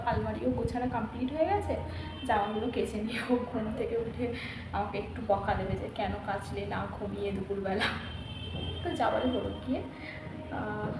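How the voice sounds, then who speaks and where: In a rambling home vlog about her day, a young woman speaks softly so as not to disturb sleepers, using lots of fillers. Her medium-pitched voice carries some vocal fry, and the background is noisy.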